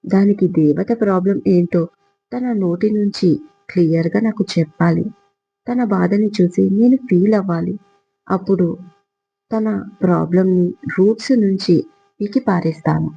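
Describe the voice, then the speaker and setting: A grandiose small-time rowdy, voiced by a male narrator, who talks in flowery, devoted phrases. The voice sits high and husky. Soft music plays under a slightly dull audio-story recording. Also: normal speed, exaggerated voice. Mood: boastful.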